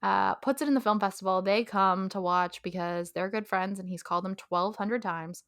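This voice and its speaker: A woman's voice: mid-range voice, normal speed, fairly bright tone, no echo, clean studio sound. A young woman co-hosting a podcast in casual chat, talkative and laughing often, trailing off with ums. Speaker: podcast co-host.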